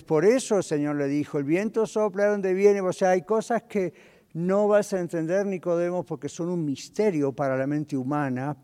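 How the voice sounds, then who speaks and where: Man preaching, fairly high voice, lively rhetorical questions, long church-hall reverb. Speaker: pastor. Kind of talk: sermon.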